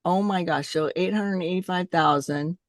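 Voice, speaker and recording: A woman's voice: lowish voice, moderate pace, dry recording, studio quality. An older woman hosting a casual, conversational interview. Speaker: interview host.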